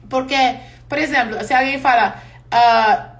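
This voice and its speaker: Candid woman teacher, high voice, non-native Portuguese speaker, chatty live class. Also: unhurried. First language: not Portuguese. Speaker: English teacher.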